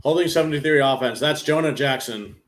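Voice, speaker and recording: A man live streaming a football game, rambling casually with lots of "like" fillers and relaxed play-by-play. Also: mid-range voice, a little fast. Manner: rambling, heavy use of "like" fillers.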